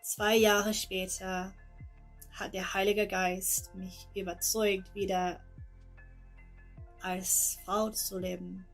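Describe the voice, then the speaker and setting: A young Englishwoman giving a recorded personal testimony, her voice gravelly and held to a flat, narrow pitch. She speaks very slowly, with careful pauses, in an English accent shaped by her first language. Soft music plays faintly behind her. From England. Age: 20s. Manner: slow, halting, careful speech with pauses.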